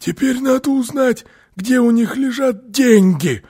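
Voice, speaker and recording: A man voicing a sneaky young burglar in an audiobook, talking in a high, hoarse whisper. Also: unhurried, a little mellow, exaggerated voice. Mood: scheming. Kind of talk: audiobook character voice.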